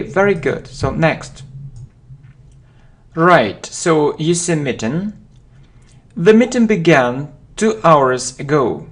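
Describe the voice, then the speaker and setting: Woman teaching grammar, super slow, says every example twice, typing in the background. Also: low voice. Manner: slow and deliberate, repeats example words. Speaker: English teacher. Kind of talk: slow spoken grammar lesson.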